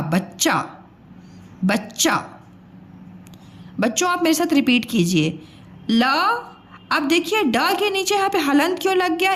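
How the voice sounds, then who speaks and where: A woman teaching young children a grammar lesson, slowly sounding out words syllable by syllable. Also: high-pitched.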